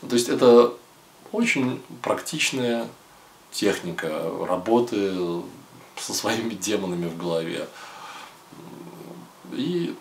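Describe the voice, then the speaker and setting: A young man talking casually to camera at home, loose and hesitant with many pauses. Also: fairly low pitch, expressive, gravelly. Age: young adult. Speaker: vlogger sharing a retreat experience. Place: small indoor room at home. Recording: roomy home room, faint hiss.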